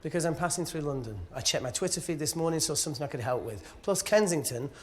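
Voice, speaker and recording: A man's voice: a little high, expressive, fast, natural voice. Actor for breezy, wisecracking man, a doctor: casual, flippant, naturalistic game drama, noise behind him. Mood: defensive. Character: cocky, wisecracking male doctor, breezy charmer. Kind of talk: naturalistic dramatic film-style acting.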